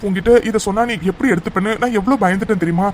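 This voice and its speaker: A worried, doting young husband from an animated story voiced by a man. He pleads anxiously in a voice pitched rather high for a man. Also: rapid-fire, slight background noise, close to an everyday voice. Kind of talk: cartoon voice acting.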